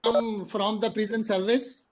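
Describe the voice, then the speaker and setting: A man's voice: high voice, flat delivery, unhurried. A man in his sixties with a Pakistani English accent, a retired prison officer speaking formally and courteously on a video call. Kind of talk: polite conversation.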